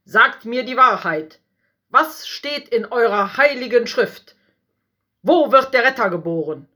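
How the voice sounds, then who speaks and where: A woman voicing a frightened, scheming old king who commands and flatters with sly insistence. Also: low-pitched, takes it slowly, husky, heavily acted. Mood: commanding.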